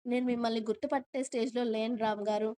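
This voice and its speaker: A woman voicing a timid, grieving young wife who speaks softly and hesitantly in a storybook telling. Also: on the high side, steady tone, quick pace, clear, resonant tone, lightly acted. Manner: soft and hesitant.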